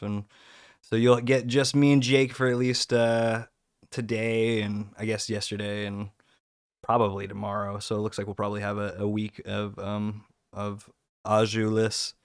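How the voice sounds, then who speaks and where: Low-voiced joking man on a podcast. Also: flat delivery, normal speed, smooth, no echo, studio quality. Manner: jokey, playful, mimics others in a whiny voice. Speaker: podcast co-host. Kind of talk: casual podcast banter.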